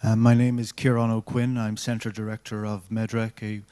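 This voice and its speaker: A man introduces himself to a panel. He speaks in a very flat, monotone way, with a voice on the low side. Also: normal speed, clear, resonant tone. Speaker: centre director. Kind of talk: formal self-introduction at a ministerial meeting.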